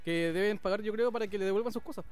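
A man's voice: high voice, rapid-fire, a little mellow, smooth, faint music behind. A young man in his twenties from Chile with a Chilean Spanish accent, chatting casually in slangy banter as a guest DJ. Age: 20s. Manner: laid-back slangy banter, laughs often. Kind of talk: casual chat.

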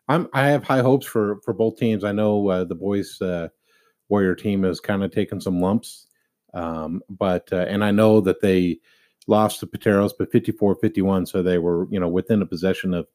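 Middle aged dad on sports radio, real low voice, rambles with lots of ums. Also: male voice, fairly even intonation, normal speed, darkish tone. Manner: rambling, many fillers and restarts. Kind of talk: casual sports talk.

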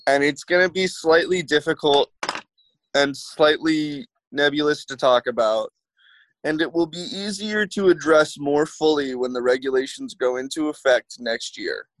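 Male podcast host, slightly high voice, wry teasing delivery, dry close mic. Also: moderate pace, fairly bright tone, no room sound, low-quality recording. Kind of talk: casual chat.

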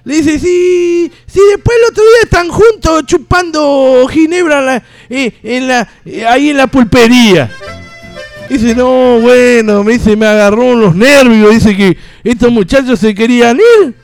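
A man doing a shrill rowdy country storyteller. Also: unhurried, soft background music. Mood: rambling. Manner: shouting, rambling, constant "¿viste?". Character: rambling rustic countryman, rowdy and excitable. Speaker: comedy guest. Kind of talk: comic storytelling in character on radio. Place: radio studio.

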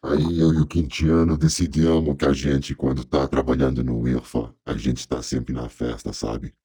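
Man on a voice changer, super low growly fry, dry close sound, slangy chill guest. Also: little pitch movement, normal speed, dark tone, no echo. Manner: joking, laid-back, slangy. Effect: voice changer, distorted very deep and gravelly. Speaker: podcast guest. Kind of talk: casual chat.

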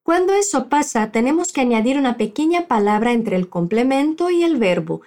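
A woman teaching a language lesson with a fairly high, very lively voice that rises and falls a great deal. She explains each point clearly and then says the example phrases slowly and carefully so the listener can repeat after her. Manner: slow, carefully spoken model phrases for the learner to repeat.

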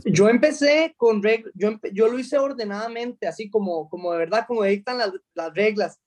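A high-pitched man from Costa Rica, in his thirties, talks about his life as a fighter. He answers in a halting way, restarting his sentences and filling gaps with small sounds. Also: a little mellow. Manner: hesitant, many restarts and fillers. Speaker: mixed martial arts fighter. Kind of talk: interview answers.

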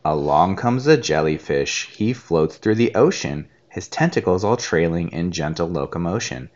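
Deep-voiced dad reading a storybook. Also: male voice, moderate pace, dull audio. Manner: animated, playful read-aloud with child. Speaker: parent co-host reading aloud.

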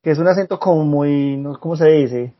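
A man's voice: a little high, moderate pace. Guy chatting on a podcast, laid back, kinda muffled recording. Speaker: podcast co-host. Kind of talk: casual chat.

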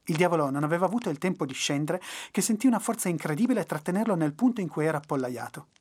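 Brief: expressive folk-tale narrator, husky, animated. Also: medium pitch, very fast. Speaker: podcast storyteller. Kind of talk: storybook narration.

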